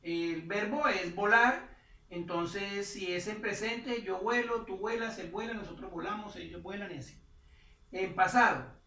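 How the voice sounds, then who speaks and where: A woman's voice: medium pitch, measured pace, sharp tone. A woman teaching English grammar, explaining step by step and drawing out the example sentences. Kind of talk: slow whiteboard grammar lesson. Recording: echoey room from far off.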